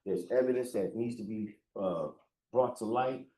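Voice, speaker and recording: A man speaking as a defendant in court, loud and insistent, talking over the judge. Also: lowish voice, normal speed. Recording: roomy courtroom sound, mic at a distance.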